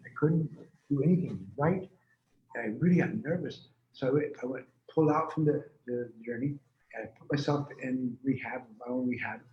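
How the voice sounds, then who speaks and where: A talkative man in his seventies rambles casually while being interviewed about his work as a healer. His medium-pitched voice moves at a normal speed, recorded in an echoey room with dull, lo-fi sound.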